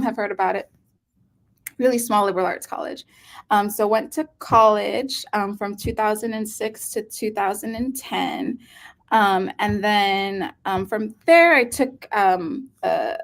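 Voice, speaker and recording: A woman in her thirties from Hawaii, speaking as a pediatric nephrologist guest in an earnest, unhurried way with many um fillers. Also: mid-range voice. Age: 30s. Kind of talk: casual interview talk.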